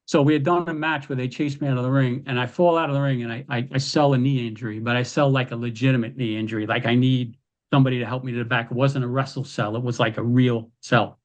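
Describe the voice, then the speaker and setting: Speaking fast on a muffled recording, a podcast guest recounts wrestling stories casually and with energy. His voice sits in the middle range but gets louder as he launches into quoted lines.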